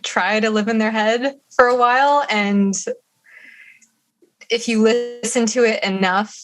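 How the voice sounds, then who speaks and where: A woman voice actor, chatting in a casual interview in an animated, easy way. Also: on the high side, a little slow, faint music behind, low-quality recording. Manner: animated, chatty, laughs easily. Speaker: voice actor guest.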